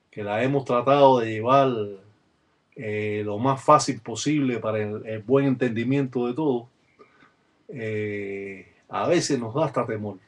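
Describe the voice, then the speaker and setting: Man, webcam talk, practitioner explaining rituals, measured, fills pauses with "eh". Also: medium pitch. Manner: measured, with frequent "eh" fillers.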